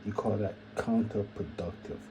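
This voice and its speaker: A man riffs on his channel in a very dark, mellow voice that sits a little low. He rambles and repeats phrases, musing out loud and dropping quiet half-joking asides, with faint room ambience behind him. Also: fairly even intonation, moderate pace, slight background noise, poor audio. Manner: repetitive, musing, keeps saying "imagine that". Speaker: channel host. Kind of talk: rambling solo commentary.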